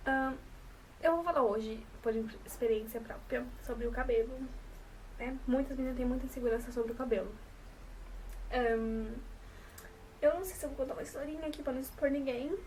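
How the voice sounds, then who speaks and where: A woman's voice: sits high, fairly quick, long pauses, darkish tone, far from the mic, a little hiss or hum, low-quality recording. A woman in her twenties with a São Paulo coast Brazilian Portuguese accent, chatting casually to camera in a rambling, self-correcting way. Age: 20s. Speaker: vlogger.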